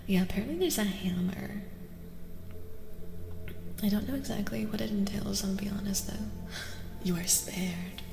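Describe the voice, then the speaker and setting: A woman who streams and reads tarot gives a live, soft-spoken ASMR reading at medium pitch. Her voice is soft and breathy, often dropping to a whisper, and she speaks gently and deliberately, repeating phrases. The sound is roomy and reverberant with faint noise.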